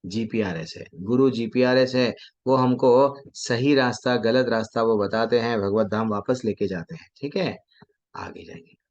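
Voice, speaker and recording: A man preaching from a devotional text. He asks questions, answers them himself, and chants verses slowly. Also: mid-range voice, darkish tone. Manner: mixes Hindi with English words. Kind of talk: devotional scripture talk. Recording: dull lo-fi sound.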